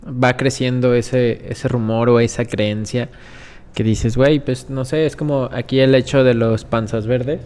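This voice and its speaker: Brief: man, central Mexican accent, thoughtful relaxed co-host, mid-pitched voice. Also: measured pace, clear, resonant tone, long reverb tail. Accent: central Mexican (Guanajuato). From León, Guanajuato, Mexico. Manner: easygoing, thoughtful, slangy. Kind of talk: casual chat.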